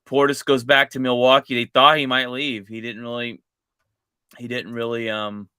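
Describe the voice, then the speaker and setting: Bright, crisp-voiced male podcast host. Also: mid-range voice, flat delivery, moderate pace, no echo, studio quality. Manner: conversational, often restarts phrases. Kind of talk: casual sports chat.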